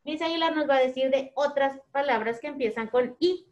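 Teacher, woman, high bright pitch, patient repeating delivery for small kids, dull lo-fi sound. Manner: slow, clear, repeating words for young children. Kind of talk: children's phonics lesson video.

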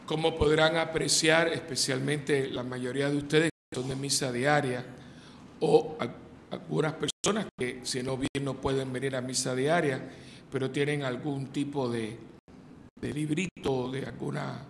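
Gravelly older priest preaching in a church. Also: male voice, medium pitch, fairly even intonation, unhurried. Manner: conversational preaching with frequent restarts and fillers. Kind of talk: sermon at daily Mass. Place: large church with painted mural, indoors. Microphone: stand mic at lectern. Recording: echoey church hall with faint noise.

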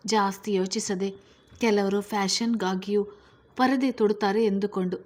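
A woman narrates a serialized story in a steady, measured reading voice. Her pitch stays flat and even in a middle register.

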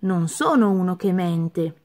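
A woman doing a small, crafty storybook mouse who speaks with sly confidence and a lively, bouncing lilt. He is cheeky and always sure of himself. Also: lowish voice, slow pace. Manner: sly, self-assured. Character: clever little male mouse, cheeky and bold.

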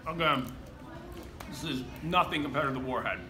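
A man's voice: medium pitch, moderate pace, echoey room. A man in his thirties hosting a casual reaction video, talking with sour candy in his mouth. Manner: talking while sucking and eating sour candy. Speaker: challenge video host. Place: small indoor room, seated beside co-host. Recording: noisy room recording with ambience.

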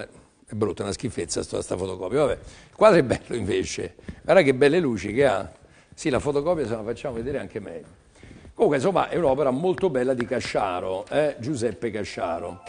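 A man's voice: on the low side, vocal fry, darkish tone, breathy edge. An older man hosting a live art sale on television, talking in a chatty, teasing, rambling sales patter. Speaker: TV art auction seller.

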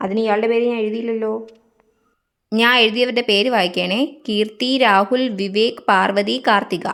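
A woman's voice: mid-range voice, darkish tone, natural voice. A woman playing a bossy teenage girl class monitor, scolding. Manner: officious, scolding.

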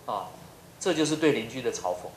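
A man's voice: medium pitch, expressive, fairly quick, slight background noise. A middle-aged man from Taiwan, a professor giving a lecture full of humorous anecdotes and rhetorical questions. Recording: roomy lecture hall.

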